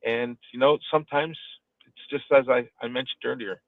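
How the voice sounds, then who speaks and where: A live streaming coach hosts an audio discussion through an online audio room, giving conversational advice emphatically and repeating phrases for weight. His medium-pitched voice is fairly even and at normal speed, and the dry recording sounds tinny, like a phone call.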